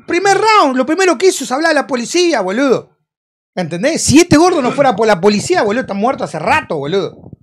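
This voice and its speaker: A man in his thirties speaks with a Rioplatense Argentine accent. He rants in a streetwise, swearing way, and his pitch swings widely from low to high as he talks. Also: quick pace. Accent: Rioplatense Spanish. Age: 30s. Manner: animated, swearing, streetwise rant with acted quotes. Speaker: interview guest, freestyle rapper. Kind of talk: heated casual interview talk.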